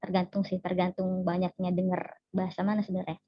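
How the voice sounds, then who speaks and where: A woman's voice: lowish voice, completely flat delivery, quick pace, no echo. Friendly Indonesian woman English teacher. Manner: friendly, mixes English with Indonesian, laughs often. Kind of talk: online class teaching. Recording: dull, dry lo-fi sound.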